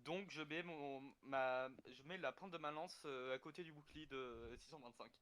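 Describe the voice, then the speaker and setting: A man's voice: a little high, normal speed, slight background noise. A man playing a tabletop role-playing game with friends, talking hesitantly with many fillers. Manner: hesitant, filler-heavy, bursts into shouts. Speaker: player. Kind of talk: casual tabletop role-play.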